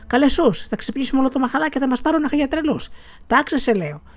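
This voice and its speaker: A woman reading a story voices a fussy, superstitious older housewife who pleads and insists in a shrill voice. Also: animated. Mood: insistent.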